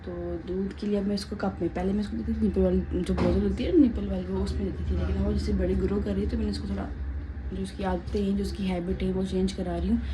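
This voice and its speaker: A woman's voice: mid-range voice, steady tone, fast, background noise. A young woman chatting casually to viewers in a daily home vlog, talking about her morning. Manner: chatty, talks to viewers and coos to her baby daughter. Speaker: vlogger. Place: home kitchen and bedroom.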